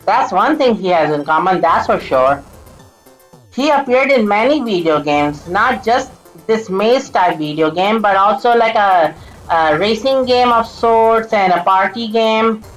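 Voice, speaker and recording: A woman's voice: medium pitch, animated, a little slow, faint music behind, poor audio. A woman giving casual let's-play commentary over a retro game, often stuttering, restarting sentences and laughing at her own slips. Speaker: gameplay commentator.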